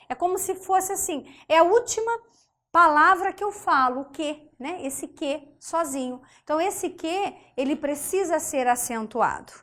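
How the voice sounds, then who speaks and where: Brazilian woman teacher, high and unhurried, checks in with the class after each point. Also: fairly bright tone. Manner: deliberate, often checks in with "tá?" and "né?". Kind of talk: grammar lesson.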